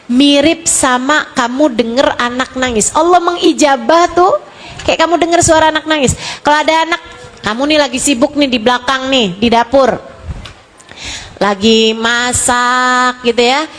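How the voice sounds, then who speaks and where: Female preacher, slow and high-pitched, acting out prayers in an expressive sermon. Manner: expressive, acts out prayers and crying children, swings from soft to loud. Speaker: Islamic preacher. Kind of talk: sermon to women.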